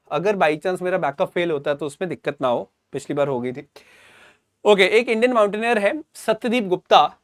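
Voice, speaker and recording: A man's voice: high voice, dry recording, studio quality. A man with an Indian accent teaching current affairs for exam preparation, explaining simply and mixing English phrases into Hindi while repeating key points. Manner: calls students "beta".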